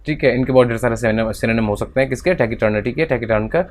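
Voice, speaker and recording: Indian guy teaching words, reads slow then explains fast, mid-pitched voice. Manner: reads English text slowly, then explains quickly in Hindi. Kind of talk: vocabulary lesson reading aloud and explaining.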